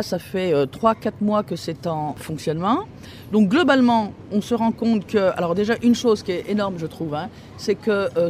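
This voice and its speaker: Man, high pitch, recycling centre worker, halting, filler-heavy explainer, outdoors. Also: a little mellow, a little hiss or hum. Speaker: recycling centre staff member. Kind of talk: explaining on-site to an interviewer. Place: outdoors on a street by a book fridge.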